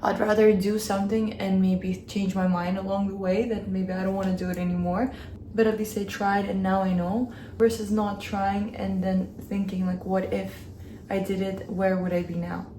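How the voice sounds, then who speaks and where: Mellow-voiced woman chatting in an echoey room. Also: mid-range voice, flat delivery, normal speed, slight background noise. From Kazakhstan. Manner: chatty and open, talking while she works. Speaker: beauty vlogger. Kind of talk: casual chat during a hair tutorial. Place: home room, in Hong Kong. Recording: echoey room with faint ambience.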